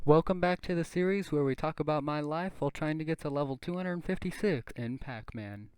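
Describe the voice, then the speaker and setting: On a rough recording, a young man who runs a gaming channel talks fairly quickly in a smooth, slightly high voice with a darkish tone. His casual, unscripted gameplay chatter rambles, stutters and stumbles, thick with fillers as he thinks aloud.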